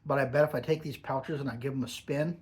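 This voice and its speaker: A man of medium pitch chats through a casual product review. His lip is packed with dip as he talks. He speaks in an emphatic, savouring way, drawing out words for weight. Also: steady tone, fast talker, darkish tone. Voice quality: talking with a lip full of dip pouches.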